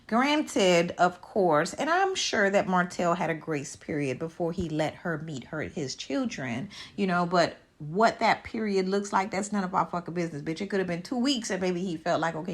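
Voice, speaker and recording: A woman talks through a reality TV recap as if she were chatting with friends. She is sassy and loose with profanity, animated, and keeps calling out to her viewers. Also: fairly low pitch, normal speed, few pauses. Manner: addresses viewers directly. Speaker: show recap vlogger.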